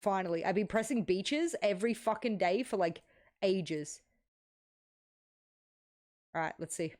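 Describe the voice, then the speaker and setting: A young woman, streaming live and commentating as she plays, excitable and swearing freely. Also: mid-range voice, unhurried. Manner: excitable, swears a lot, talks to herself while playing.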